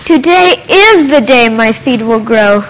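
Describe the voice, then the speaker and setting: Woman acting out an eager shouting village boy. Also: fairly high pitch, measured pace, pitched below the performer's own voice, poor audio. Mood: hopeful. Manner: loud, pleading, excited.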